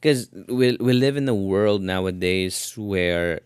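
A man hosting a podcast interview, halting and repeating words as he searches for his phrasing. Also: low voice, smooth, no room sound, studio quality. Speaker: podcast host. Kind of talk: interview questions, casual chat.

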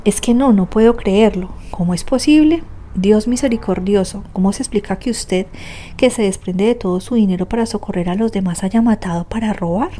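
A woman's voice: medium pitch, moderate pace, dark tone, close to an everyday voice. A woman reading the part of a timid, devout young woman, speaking in a pleading, disbelieving tone.

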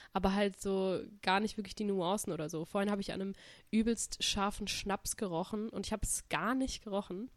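A woman's voice: mid-range voice, no echo. Young woman with a cold, chatting casually. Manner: rambling, informal, slangy. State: mildly sick with a cold and stuffy nose. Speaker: podcast co-host. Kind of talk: casual chat.

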